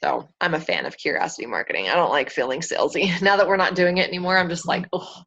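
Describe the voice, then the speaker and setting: A woman hosts a relaxed team call and chats easily, laughing often. When she quotes someone she jumps into a higher voice. Her voice sits a little low, and the call audio is dull and lo-fi. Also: fast talker. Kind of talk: casual team call chat.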